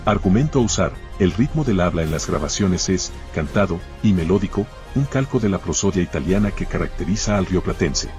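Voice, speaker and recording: A man narrating a scripted rebuttal in a measured, lecturing and combative way. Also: sits low, expressive, a little mellow. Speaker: commentator narrating a rebuttal video. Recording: dull lo-fi audio with faint music.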